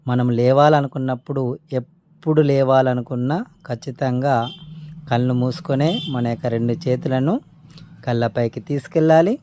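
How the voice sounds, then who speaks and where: A man giving spoken meditation instruction in a calm, unhurried way, pausing between short phrases. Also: medium pitch, clear, resonant tone, no echo. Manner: respectful formal greeting. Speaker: meditation teacher.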